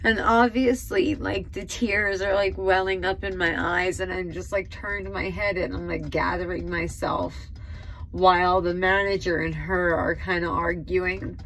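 A woman's voice: fairly low pitch, fairly even intonation, a little slow, fairly bright tone, a little hiss or hum, rough recording. A woman telling an emotional, rambling story straight to her phone, worked up and close to tears at times. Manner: heated, rambling, tearful at times.

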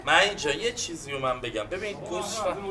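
An actor playing a calm husband who reasons slowly and jokes dryly. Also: male voice, fairly high pitch, a crowd in the background, natural voice. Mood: deadpan. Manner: slow, deliberate, dryly reasoning. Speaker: father of the missing boy.

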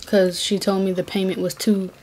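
Soft-spoken woman hosting an ASMR eating video. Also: mid-range voice, flat delivery, normal speed, slight background noise. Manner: soft-spoken and teasing, laughs easily. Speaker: host.

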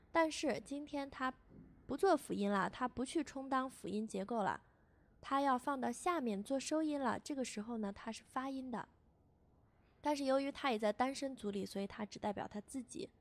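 A woman teaching a beginner language lesson as a voice-over, patiently repeating each sound slowly for learners. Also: a little high.

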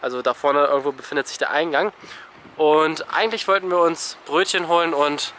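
A man in his twenties, a travel vlogger, chats enthusiastically and colloquially to the camera, mostly from inside a small camper van. His voice is fairly high, a bit bright, and fairly even, at a fairly quick pace, picked up by a camera mic at arm's length with a little hiss or hum.

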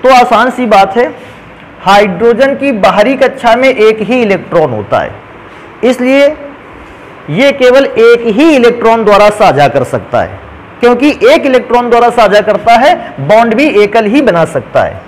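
In a whiteboard lesson, a man teaches chemistry step by step, working through examples and calling his students "beta." His very high voice is very animated but unhurried, and the poor audio carries a little hiss or hum.

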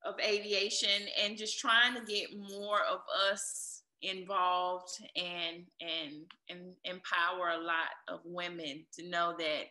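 A woman who works as an air traffic controller and DJ answers casually as an interview guest, speaking in an encouraging, motivational way. Her voice is on the low side and bright, with little pitch movement, a slow pace, few pauses and a forceful tone. The recording sounds roomy and echoey.

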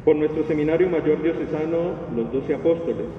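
A middle-aged man reading liturgical intercessions in a solemn, measured way. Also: fairly high pitch. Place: inside a church. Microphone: lectern microphone, through face mask. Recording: reverberant church, distant mic, dull, noisy.

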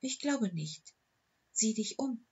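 A woman reading the voice of a calm, loyal old female dog in an audiobook, speaking in a soothing, matter-of-fact way with a slightly husky tone. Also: on the high side, slow pace, highs cut off, full character voice. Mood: gentle.

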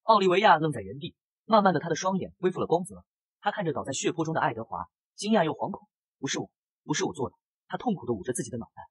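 A man narrating a comic story recap in brisk, scripted storytelling on a close mic. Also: a little high, husky, no room sound.

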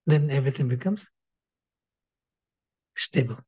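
Brief: husky male swami lecturing, slightly high voice, repeats his points, dull lo-fi sound. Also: measured pace, darkish tone. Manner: repeats key phrases, asks the audience questions. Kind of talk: devotional lecture. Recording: dull lo-fi recording.

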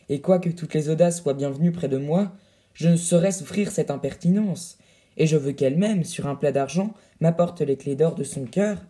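A man's voice: a little high, warm tone, natural voice. A man voicing a boastful, swaggering braggart captain with pompous, grandiloquent bluster in an audiobook reading.

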